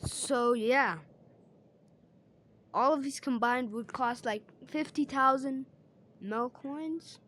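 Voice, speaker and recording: A rambling store salesman, put on by a woman in a light, high and bright voice, making a slow sales pitch full of filler words and hesitations. It sounds close to her own casual voice, with faint ambience behind. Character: chatty salesman at an electric store.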